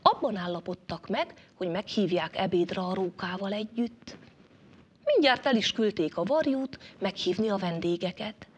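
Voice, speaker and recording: A woman narrating a folk tale, lively and expressive, rising and falling with the action. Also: a little hiss or hum. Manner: lively, shifting pitch and loudness with the action. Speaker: storyteller.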